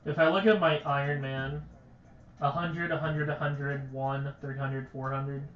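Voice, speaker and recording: A man's voice: mid-range voice, fairly even intonation, unhurried, roomy sound, lo-fi sound. A young man chatting casually on a game livestream, rambling and stuttering, with lots of "like" fillers. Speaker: game streamer.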